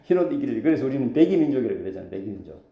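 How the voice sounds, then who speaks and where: Animated pastor preaching in echoey hall. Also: male voice, mid-range voice, very fast, highs cut off. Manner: lively preaching with call-and-response questions. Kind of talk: sermon. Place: church sanctuary.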